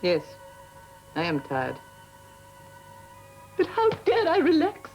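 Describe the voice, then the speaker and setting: An actress playing a tired older couture house owner, speaking with weary, wistful regal dignity in a 1950s film. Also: female voice, high voice, wildly swooping pitch, takes it slowly, dull audio, exaggerated voice. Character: tired aging couturière, proud and lonely. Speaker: aging fashion house owner. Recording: old film soundtrack with music.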